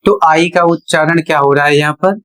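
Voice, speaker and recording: A teacher explaining English pronunciation rules one step at a time, in a measured, repetitive way. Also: medium pitch, fairly bright tone. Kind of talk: slow explanatory lesson narration.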